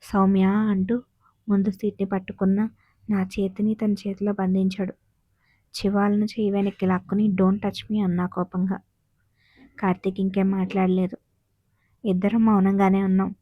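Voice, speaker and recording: A woman narrating a story in the first person with a calm, even delivery. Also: mid-range voice, normal speed, long pauses, no echo, muffled recording.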